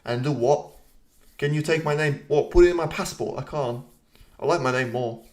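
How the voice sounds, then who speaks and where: A man's voice: fairly high pitch, normal speed, a little mellow. Chatty man hosting a live stream. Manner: chatty, reads viewer comments aloud and answers them; self-deprecating, rambling asides. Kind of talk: casual live commentary and chat reading.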